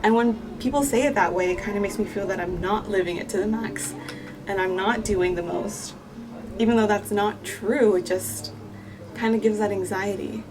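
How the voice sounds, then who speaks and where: A woman's voice: medium pitch, normal speed, distant mic, music in the background, low-quality recording. A woman in her twenties chatting reflectively as she does her makeup by a pool, with lots of "like" fillers. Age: 20s. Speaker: vlogger. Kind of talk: casual get-ready-with-me chat. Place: outdoors by a pool on holiday.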